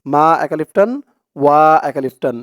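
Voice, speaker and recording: A man with a clear, smooth voice that sits a little higher than usual teaches Quran reading, breaking words into letters and pronouncing each one carefully. The recording is close and dry, with no room sound. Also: no room sound. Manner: slow drawn-out chanting when reciting, brisk plain explaining between. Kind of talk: recitation lesson, spelling out letter by letter.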